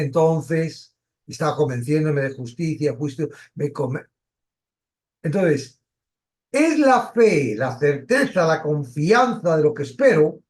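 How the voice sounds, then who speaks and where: A man's voice: fairly high pitch, darkish tone. A man from teaching a Bible study, asking questions and stressing key words. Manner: questioning, emphatic, pauses and restarts.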